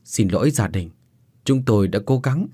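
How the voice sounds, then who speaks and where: A young doctor in a spoken ghost story breaking bad news formally and somberly, as the narrator voices him. The voice is mellow and husky. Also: male voice, fairly low pitch, expressive, moderate pace, dry recording, clean studio sound.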